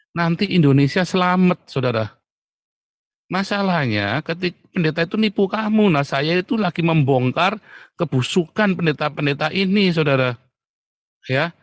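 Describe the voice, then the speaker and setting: A man's voice: fairly high pitch, no room sound. Blunt mocking man preaching. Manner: mocking, blunt, laughs often. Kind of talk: combative preaching talk.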